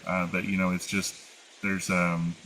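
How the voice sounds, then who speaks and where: A man with an Appalachian accent talks as a casual interview guest. His voice is a little low but bright and forward. He rambles along, feeling his way hesitantly through each answer. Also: flat delivery, measured pace, slight background noise. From United States. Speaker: interview guest, former flight attendant. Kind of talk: casual conversational storytelling.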